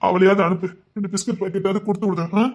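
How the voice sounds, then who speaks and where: A woman's voice: medium pitch, steady tone, darkish tone, natural voice. A woman playing a caring young village man who fusses over his sweetheart. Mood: coaxing. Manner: fast, fussing, coaxing. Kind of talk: village romance drama acting.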